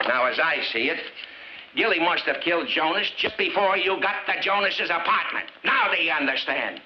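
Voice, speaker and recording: An actor playing a gruff, sarcastic veteran police captain, an older man trading screwball comedy banter in a 1950s film. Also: a little high, lively intonation, moderate pace, natural voice. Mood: dry, impatient. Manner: wisecracking, gruff, slangy. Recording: dull, noisy 1950s film soundtrack.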